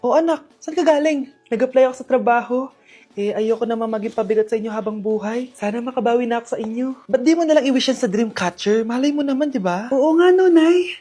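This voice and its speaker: A young woman acting out comic story skits in a lively voice, playing every part herself. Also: on the high side, fast, faint music behind. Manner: lively, switches between characters. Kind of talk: acted POV skits, playing all parts.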